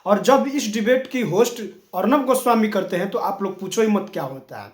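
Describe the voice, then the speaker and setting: A man's voice: high-pitched, expressive, a little fast, echoey room. A man narrating a clip compilation as a scripted voice-over, wry and teasing.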